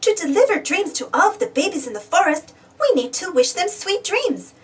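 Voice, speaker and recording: At a normal speed and in a high voice, a woman gives a very animated read-aloud of a storybook for young children. Her delivery swings widely, full of exclamations and questions for the listener, and the microphone seems set a little away from her.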